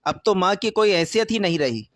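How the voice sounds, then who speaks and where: A man voicing a jealous, sharp-tongued older mother-in-law with a taunting, sarcastic manner. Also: high-pitched, animated, no room sound, studio quality.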